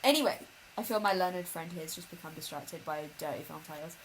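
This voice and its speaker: A woman's voice: on the low side, quick pace, rough recording. A young woman co-hosting a chaotic podcast, chatty and swearing, often laughing. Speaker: podcast co-host. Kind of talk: casual chat. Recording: faint background noise.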